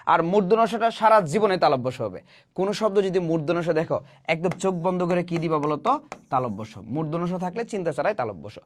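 Male tutor, high voice, repetitive question-and-answer drilling style. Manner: drills with call-and-response questions, answering them himself. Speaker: grammar teacher. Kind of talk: classroom-style grammar lesson.

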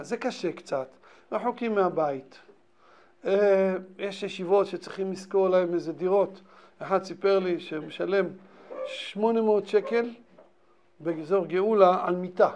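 A man, a rabbi, giving a Torah lesson and telling a story in an animated way, repeating phrases for emphasis. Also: high voice. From Israel.

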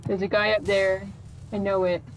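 A woman streaming a video game, chatting casually, laughing often and yelling at enemies. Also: medium pitch, flat delivery, normal speed, a little hiss or hum, poor audio. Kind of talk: casual gameplay chat.

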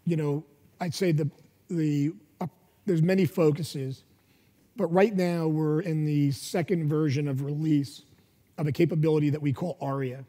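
Man on a conference panel, halting, many fillers. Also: on the high side, fairly even intonation, dark tone. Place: large conference hall stage. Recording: long hall reverb.

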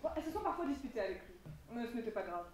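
A haughty bourgeois mother, acted by a woman with a high, projected voice. She is cutting and sardonic in this stage comedy, recorded in a roomy hall with faint noise. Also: sing-song, very fast, darkish tone. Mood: dismissive. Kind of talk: amateur stage comedy acting. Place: theatre stage, indoors. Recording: echoey theatre stage, distant mic, faint noise.

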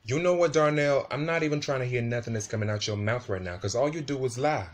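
A man's voice: medium pitch, fast, lightly acted. A man voicing a sassy, furious woman, scolding her partner between exasperated, prayerful sighs.

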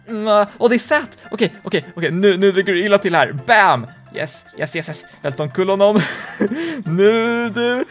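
Excitable man commentating gameplay. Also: sits high. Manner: excitable, quick reactions, gasps and laughs. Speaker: gaming YouTuber.

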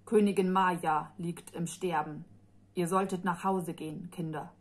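A woman's voice: on the low side, steady tone, unhurried. A woman reading as a solemn castle guard. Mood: grave.

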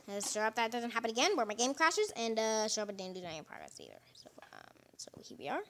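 A woman's voice: a little high, wildly swooping pitch, quick pace, a bit bright, slight background noise. A woman hosting her gaming channel, giving casual, rambling commentary full of fillers and restarts, recorded on a phone set down nearby.

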